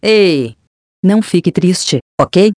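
A short old key-shop owner speaks calmly, with a gentle, knowing air, as a narrator plays him. It is an audiobook voice, mellow in tone and dry. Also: male voice, high voice, slow pace, no room sound. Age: older.

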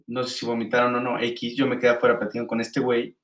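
A young man with a Mexican Spanish accent, co-hosting a podcast and telling a story in an animated, slangy way. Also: medium pitch, fast talker, roomy sound. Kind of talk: casual storytelling chat.

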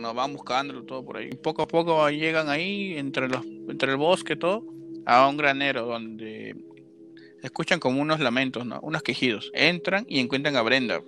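A man casually retelling a horror film's plot as a podcast co-host, animated, with sound effects and filler words. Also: medium pitch. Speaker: podcast co-host recapping a film. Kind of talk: casual chat.

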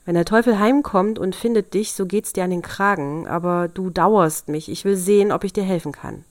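A woman's voice: fairly low pitch, moderate pace, dry recording, clean studio sound, lightly acted. A woman reading a fairy tale aloud, voicing the Devil's grandmother as a shrewd, soothing old woman. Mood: coaxing.

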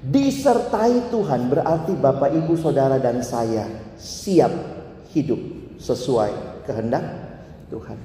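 A man preaching a sermon to his congregation, telling Bible stories and acting out quotes, his voice swinging from loud to hushed. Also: mid-range voice, lively intonation, slow, a little hiss or hum. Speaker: pastor. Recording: echoey hall with long reverb.

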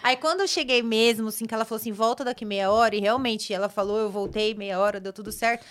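Brazilian woman hosting a podcast, kinda high voice, tells stories and plays out what she said back then. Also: fast talker. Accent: Brazilian Portuguese. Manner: animated storytelling, acting out her own past lines. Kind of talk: casual chat.

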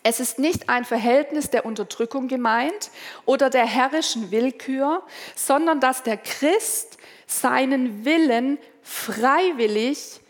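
High-voiced woman preaching in a hall. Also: takes it slowly. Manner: conversational, asks the listeners direct questions and voices imagined prayers. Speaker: pastor. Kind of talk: sermon.

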